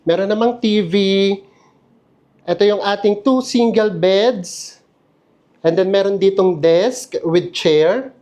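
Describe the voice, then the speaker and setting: Chatty high-voiced man. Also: slow pace, a little mellow. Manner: chatty, laughs often, playful asides. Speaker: travel vlogger. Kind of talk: casual hotel room tour. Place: hotel room.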